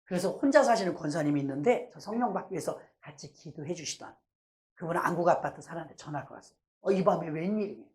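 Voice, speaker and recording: A middle-aged woman pastor giving a sermon testimony, telling her story with lively acted-out prayers. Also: deep voice, quick pace. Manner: animated storytelling, acting out her own past prayers.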